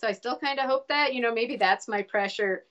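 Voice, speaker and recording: An American woman in her forties joins a casual live video chat as an author guest, speaking thoughtfully and haltingly with many restarts. Her fairly high, slightly bright voice comes through a webcam with dull audio, from a room at home with a shelf behind her.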